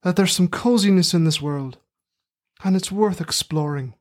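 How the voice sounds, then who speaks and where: A man plays an earnest working-class country fellow with a rustic Midlands accent from England. The speech is halting and sentimental, a mock-heroic monologue from a fantasy film parody. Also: high-pitched, darkish tone, close to an everyday voice. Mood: earnest, wistful. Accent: put-on rustic English Midlands.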